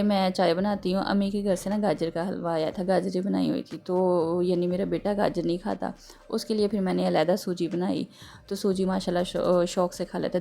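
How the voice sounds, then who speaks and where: A woman's voice: on the low side, creaky, dark tone. A woman with a slightly sore throat, rambling homely narration of her kitchen chores with many little fillers. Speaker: home vlogger. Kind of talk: casual chatty home vlog narration. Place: home kitchen.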